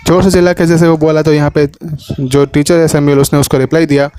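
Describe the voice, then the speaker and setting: A man's voice: on the high side, little pitch movement, fast talker, warm tone, clear, resonant tone. A man with a Gujarati accent, teaching a class lesson and retelling the story in detail, voicing its dialogue as he goes. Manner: retells the story in Hindi with English words, acting out quotes.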